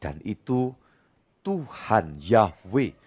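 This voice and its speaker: Animated pastor preaching. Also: male voice, on the low side, extremely slow, slightly rough. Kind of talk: sermon.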